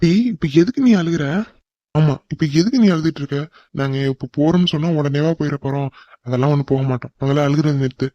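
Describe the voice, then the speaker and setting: A man voicing a teasing older brother in a cartoon family, calm and brotherly with the youngest sibling. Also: a little high, quick pace, dry recording, highs cut off, lightly acted. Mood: soothing. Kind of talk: cartoon voice acting.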